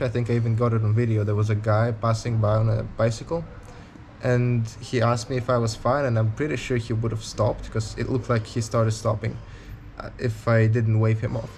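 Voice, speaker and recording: A man's voice: mid-range voice, flat delivery, a little fast, darkish tone, a little hiss or hum. A man in his twenties talking casually to camera in a travel vlog, candid and rambling, with a blunt edge. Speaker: touring cyclist vlogger.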